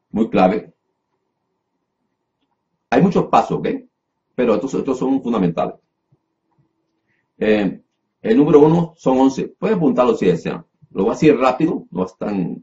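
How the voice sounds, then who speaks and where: A man's voice: fairly low pitch, warm tone. A man preaching a Bible lesson in a sermon style, repeating phrases and restarting often, calling listeners brother. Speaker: preacher teaching a class. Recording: dull lo-fi recording.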